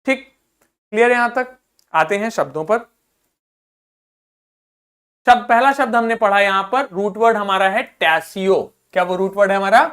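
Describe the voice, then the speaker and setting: A woman's voice: medium pitch, moderate pace, pauses often. A woman with an Indian accent teaching an English vocabulary lesson, repeating each word to drill its pronunciation and asking questions that she answers herself. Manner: asks students questions and answers them herself.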